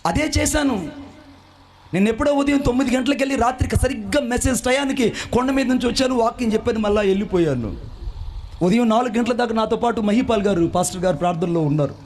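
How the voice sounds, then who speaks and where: A man preaching a fervent sermon, telling his own story and rising into shouts and chanted phrases. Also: extremely high pitch, quick pace. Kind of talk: sermon with personal testimony.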